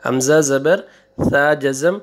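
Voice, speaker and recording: A man with a Pakistani Urdu accent and a slightly high voice teaches Quran reading. He stretches each syllable slowly and patiently, then rattles off short explanations in between. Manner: slow, drawn-out drilling of syllables with quick asides. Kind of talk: online recitation lesson.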